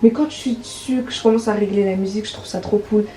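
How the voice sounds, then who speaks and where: Teen girl vlogger, casual and rambling, warm dark timbre. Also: medium pitch, fairly even intonation, fast talker, a little hiss or hum, low-quality recording. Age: teens. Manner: chatty, many fillers. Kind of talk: casual vlog narration.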